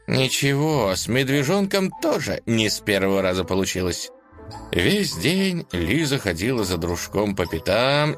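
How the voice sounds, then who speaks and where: A man reads a children's storybook with an expressive, lively delivery. His voice sits on the low side but moves around a lot in pitch. Faint background music plays under his narration.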